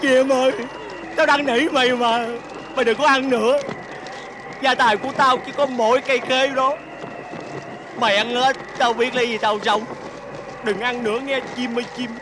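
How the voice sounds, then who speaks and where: An actor playing a lazy, greedy farmer husband who whines and complains. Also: male voice, very high voice, fairly even intonation, normal speed, long pauses. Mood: pleading. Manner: whiny, grumbling and complaining. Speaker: greedy farmer husband in a folk-tale film. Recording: noisy old film soundtrack.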